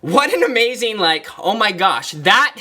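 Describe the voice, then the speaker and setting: Upbeat male trainer-host, bright forward voice, pumps up listeners with emphatic repeated lines. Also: sits high, measured pace. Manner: energetic, emphatic, repetitive motivational phrasing. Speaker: fitness trainer and podcast host. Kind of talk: solo motivational podcast storytelling.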